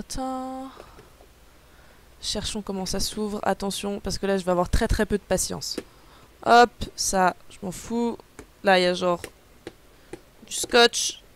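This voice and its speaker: A woman's voice: mid-range voice, slight background noise. A young woman chatting casually on a live unboxing stream, rambling with lots of fillers and answering chat messages aloud. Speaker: livestreamer.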